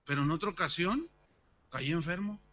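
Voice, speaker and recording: A man's voice: on the high side, moderate pace, highs cut off. A man preaching at a church service, telling a personal story and acting out its dialogue. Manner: animated, acts out the dialogue of his story. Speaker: pastor.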